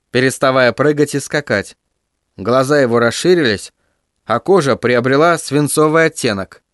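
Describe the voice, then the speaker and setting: A middle-aged man narrating an audiobook in a vivid, expressive storytelling manner. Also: mid-range voice, dry recording, clean studio sound.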